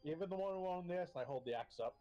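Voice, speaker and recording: A man's voice: high-pitched, animated, fast talker, dark tone, highs cut off, faint music behind. A man playing a tabletop role-playing game, explaining his moves casually and speaking in character with blunt cockiness.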